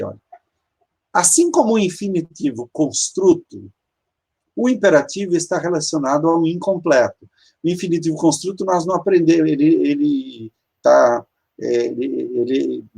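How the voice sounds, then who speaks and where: A Hebrew teacher giving an online grammar lesson. The teacher often stops to search for words and explains each step slowly. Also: medium pitch, creaky, darkish tone, breathy edge. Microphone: video call.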